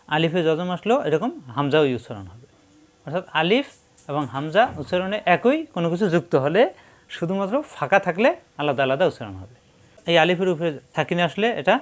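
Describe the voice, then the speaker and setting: A male teacher giving a spoken Quran recitation lesson, slowly repeating syllables for students to copy. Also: fairly high pitch. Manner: slow, repeats syllables for drilling.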